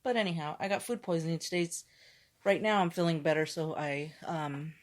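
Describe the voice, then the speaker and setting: A woman's voice: deep voice, steady tone, a little fast. A woman podcast co-host chatting casually in a candid, joking way, with some swearing. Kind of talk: casual chat.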